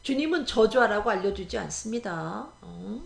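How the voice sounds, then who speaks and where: Middle-aged woman preacher, emphatic, keeps prodding the congregation, mid pitch, roomy echo. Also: animated, normal speed, vocal fry. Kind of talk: sermon. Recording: echoey room.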